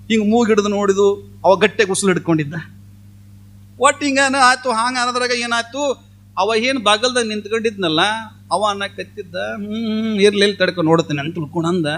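A man, a swami telling a comic folk story and acting out the villagers' voices. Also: sits high. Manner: animated, acts out voices of villagers.

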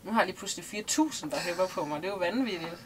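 Against a noisy background, a lowish female voice with lively intonation answers interview questions. She is a thirty-something liveaboard sailor from Denmark, sitting in a small boat cabin and speaking casually and thoughtfully, hesitating often.

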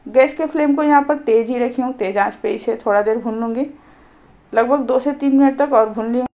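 Calm Hindi-speaking woman guiding a recipe. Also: a little high, brisk. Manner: calm, instructive, explains each step. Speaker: cooking channel host. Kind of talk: step-by-step recipe voice-over.

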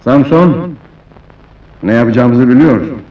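A man's voice: mid-range voice, expressive, recorded from a distance, lo-fi sound, background noise, close to an everyday voice. Smug scheming nobleman played by a man, echoey. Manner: smug, theatrical, measured. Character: smug male villain nobleman, scheming and condescending. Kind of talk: dubbed historical adventure film acting. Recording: echoey old film dub with music.

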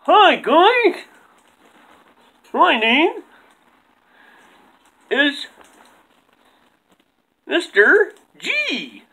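Puppet coach for a ventriloquist show played by a man, high, slow and halting. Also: wildly swooping pitch, pushed and bright, heavily acted. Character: slow-talking male puppet sports coach.

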